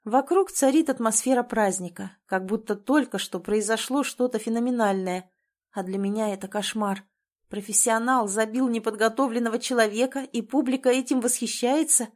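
A woman's voice: fairly high pitch, moderate pace. Woman narrating a tense story. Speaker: audiobook narrator. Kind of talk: first-person audiobook narration.

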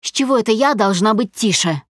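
A woman's voice: medium pitch, animated, a little fast, no echo, studio quality, close to an everyday voice. Woman reading as a tense, defiant young wife.

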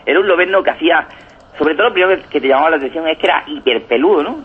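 Fast husky man, tinny phone sound. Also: fairly high pitch. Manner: enthusiastic, rambling, keeps tagging "¿no?". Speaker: comics reviewer on a radio show. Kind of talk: casual radio chat. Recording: tinny phone-like radio audio.

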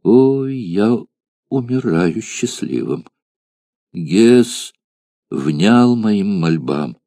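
A man voicing a dying young warrior who speaks faintly and slowly, his words fading. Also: fairly low pitch, sing-song, warm tone, dry recording, clean studio sound, heavily acted. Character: dying young male warrior, weak and tender.

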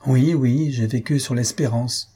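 A man's voice: medium pitch, measured pace, warm tone, breathy edge. A man reading the lines of a despairing young nobleman, speaking firmly and reproachfully. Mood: bitter. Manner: firm and reproachful.

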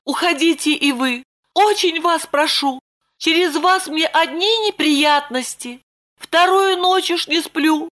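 A woman voicing an anxious, fretful young woman in an audiobook, speaking high and flustered. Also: slow pace, a bit bright, heavily acted. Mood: fretful, pleading. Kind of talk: audiobook character voice.

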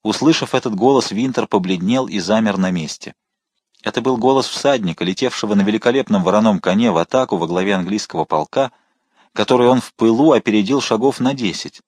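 A man narrating a historical adventure audiobook in an expressive, dramatic manner. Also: on the low side, brisk, no echo, studio quality. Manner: expressive, shifting to voice the characters.

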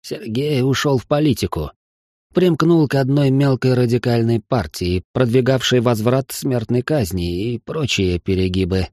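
A man's voice: medium pitch, darkish tone, dry recording, studio quality, lightly acted. A man voicing a weary, guilty old doctor. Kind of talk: audiobook character voice.

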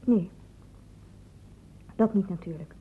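In a noisy, dull, lo-fi old radio recording, an actress voices a guarded, evasive teenage girl in a radio drama. She speaks slowly in a husky mid-range voice, giving hesitant, defensive answers.

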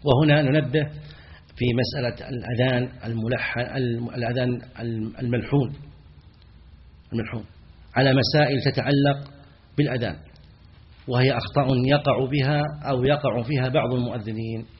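A man teaching as a sheikh in a lecture. He asks his students questions and answers them himself, and he chants the example phrases slowly. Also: medium pitch, fairly even intonation, dull audio. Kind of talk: classroom lecture on errors in the call to prayer.

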